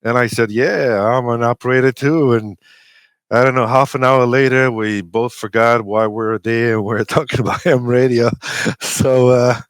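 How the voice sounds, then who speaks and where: A man in his forties, a native Romanian speaker with a Romanian accent and an amateur radio operator, shares personal stories as an interview guest in a hesitant, halting manner broken by many pauses. His medium-pitched voice is clear and resonant, with fairly even intonation and no echo.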